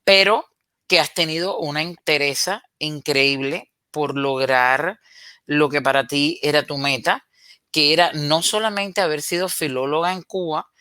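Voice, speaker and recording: Interview host, bright crisp tone, dry close sound, long admiring sentences. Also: medium pitch, measured pace, no room sound. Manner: warm praising recap, running long sentences. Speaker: interview host and friend of the guest. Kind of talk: conversational interview.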